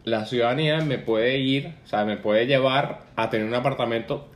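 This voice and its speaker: A young man with a Venezuelan accent talks things through in an easygoing way among friends. He sounds calm and sure of himself, with casual slang. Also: medium pitch, normal speed. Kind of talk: casual banter.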